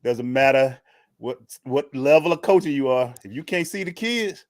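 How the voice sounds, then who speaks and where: Lively co-host man, slangy chat. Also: medium pitch, no room sound. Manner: reacts with drawn-out exclamations, slangy. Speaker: sports talk show co-host. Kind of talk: casual chat.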